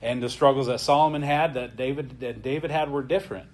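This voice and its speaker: A man's voice: medium pitch, a little fast. A man teaching an adult church class in a plain, conversational way. He often adds a questioning "right?" as he talks.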